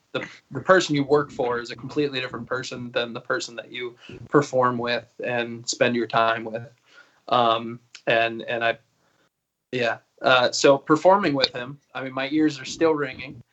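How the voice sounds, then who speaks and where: A man in his thirties, a guest singer on a video call, chats loosely in a casual interview, rambling, swearing freely, and laughing often as he tells stories. His mid-range voice is a bit bright with fairly even intonation at normal speed. The audio has its highs cut off and a little hiss or hum.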